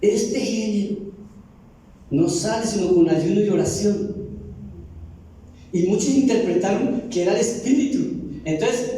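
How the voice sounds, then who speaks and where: A man's voice: high voice, dark tone, slight background noise. A man preaching a fervent sermon as pastor, acting out Bible voices in a church. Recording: very echoey church hall, mic at a distance.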